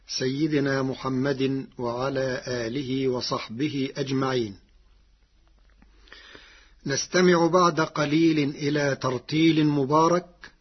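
A man presenting a formal scholarly explanation of recitation variants, in a measured and precise manner, on a dull lo-fi recording. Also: mid-range voice, slightly rough.

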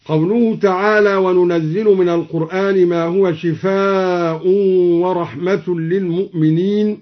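Man, recitation teacher, high voice, slow measured delivery, chants examples, dull lo-fi recording. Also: fairly even intonation. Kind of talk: explaining reading variants with slow chanted examples.

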